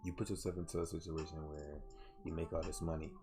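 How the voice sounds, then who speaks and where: A man's voice: extremely low pitch, little pitch movement, quick pace, over music. A young man hosting a solo podcast, talking earnestly and rambling with many restarts, tired and yawning. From southwest Georgia, US. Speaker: podcast host.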